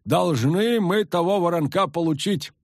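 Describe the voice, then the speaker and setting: A man's voice: high-pitched, measured pace, dry recording, clean studio sound, pitched above the performer's own voice. A man voicing a pushy, superstitious older peasant man who talks in a rustic folksy way, read in an audiobook. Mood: insistent. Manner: rustic folksy speech, insistent.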